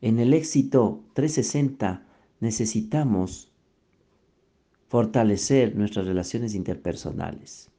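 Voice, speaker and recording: Man, motivational lecture, deep warm tone, slow emphatic delivery, rhetorical questions. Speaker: self-improvement speaker. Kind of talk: motivational talk.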